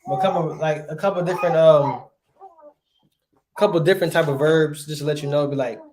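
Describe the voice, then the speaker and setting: A man's voice: on the high side, steady tone, fairly quick, a little mellow. A man teaching a casual classroom lesson in a conversational way, often asking rhetorical questions. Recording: roomy echo.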